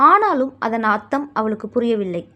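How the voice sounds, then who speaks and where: Woman, storyteller, reading aloud, high-pitched, lively, measured.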